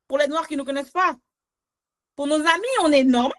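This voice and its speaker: A woman from Quebec with a Québécois accent, chatting as a podcast guest and comedian, animated and laughing often with big swings in her voice. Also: sits high, a little fast. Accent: Québécois French. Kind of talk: casual interview chat.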